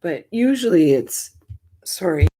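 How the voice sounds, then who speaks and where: A woman's voice: lowish voice, very animated, measured pace, dark tone. A woman hosting a casual livestream, greeting chat viewers by name with a tired morning voice. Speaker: livestream host.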